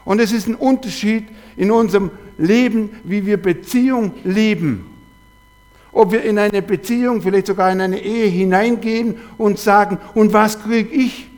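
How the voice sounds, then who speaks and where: High-voiced man preaching. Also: moderate pace, a little mellow. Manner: storytelling with repeated quoted refrains and rhetorical questions. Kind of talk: sermon.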